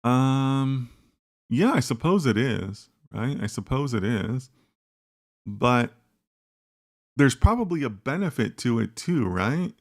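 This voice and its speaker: This American host of a live data science chat has an expressive mid-range voice, speaking slowly with long pauses. As he goes through viewer comments, he thinks aloud in a loose, conversational ramble, punctuating ideas with "right?".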